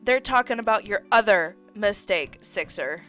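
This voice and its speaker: A woman voicing a gruff, irritable older man while reading a dating game aloud, with a brash, scolding manner. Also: medium pitch, lively intonation, moderate pace, a bit bright, faint music behind, lightly acted.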